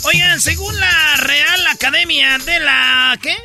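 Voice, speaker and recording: High bright joking Mexican man. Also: steady tone, faint music behind. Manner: rapid, playful, slangy Mexican joke telling. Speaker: radio comedy host. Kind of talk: comedic radio banter and joke telling.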